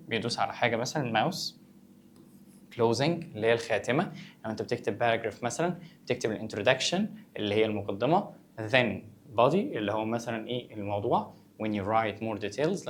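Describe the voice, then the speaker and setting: A man's voice: medium pitch, a little hiss or hum. A male English teacher with an Egyptian Arabic accent, going through vocabulary and asking and answering his own questions in a conversational way. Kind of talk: vocabulary lesson for students.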